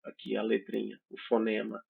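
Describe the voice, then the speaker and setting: Speaking at a moderate pace in a lowish, monotone voice with vocal fry and a breathy edge, a Brazilian man runs an online English lesson. His Brazilian Portuguese accent is clear as he patiently explains, often tagging on "certo?" and "né?", and the audio sounds tinny like a phone.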